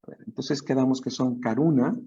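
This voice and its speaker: A man's voice: medium pitch, brisk, mellow, breathy edge. A man with a Mexican Spanish accent giving a dharma talk, thinking aloud with restarts and asking "right?" as he goes. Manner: thinks aloud, restarts often, tag questions. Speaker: Buddhist teacher. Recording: dull muffled lo-fi recording.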